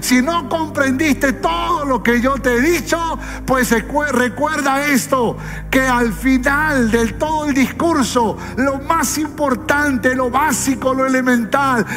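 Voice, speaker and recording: A man preacher voicing a wise old king who drives home his final counsel, slow and emphatic. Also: very high voice, pitched above the performer's own voice, exaggerated voice. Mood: urgent exhortation. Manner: emphatic, slow, building to a shout. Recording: reverberant hall with faint music.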